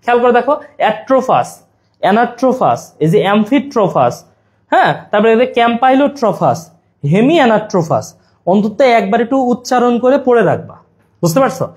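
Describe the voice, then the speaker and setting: High-voiced man teaching exam prep. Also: darkish tone. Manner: chatty, explains with playful memory tricks.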